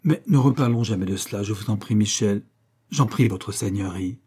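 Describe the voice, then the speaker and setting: A man's voice: on the low side, normal speed, dark tone, husky. A man reading aloud, voicing a proud, poor young captain in an impassioned, declamatory way. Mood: earnest confession.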